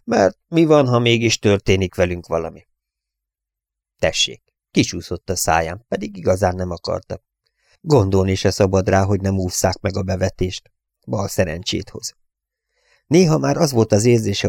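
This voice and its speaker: A man calmly narrating a novel as an audiobook reader, in an even reading manner. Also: sits low, gravelly, no echo, clean studio sound.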